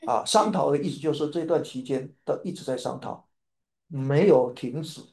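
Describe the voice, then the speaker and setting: A man from Taiwan preaching a sermon, telling a family story in an animated way and repeating his phrases. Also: fairly high pitch, moderate pace, gravelly, echoey room.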